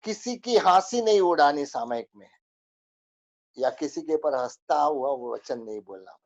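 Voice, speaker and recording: A man's voice: on the high side, animated, measured pace, darkish tone, highs cut off. A man teaching a spoken religious lesson, going through a list of rules with many fillers.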